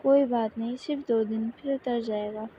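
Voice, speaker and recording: A woman's voice: on the high side, steady tone, moderate pace, lo-fi sound, a little hiss or hum, lightly acted. A woman voicing a stern, watchful young man who speaks with cool self-assurance, in a narrated story.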